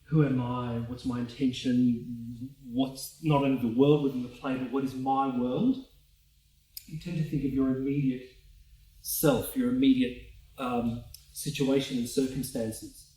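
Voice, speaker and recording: A man leading a drama workshop, calmly giving movement instructions with pauses, recorded from a distance in an echoey room. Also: mid-range voice, slight background noise. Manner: calm, guiding instructions with pauses.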